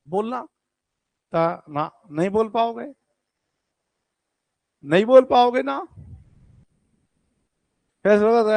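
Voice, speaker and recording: A man's voice: very high-pitched, no room sound. A man teaching an online exam-prep class, talking straight to his students and stretching words for emphasis. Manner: lively, addresses students directly, drawn-out emphasis.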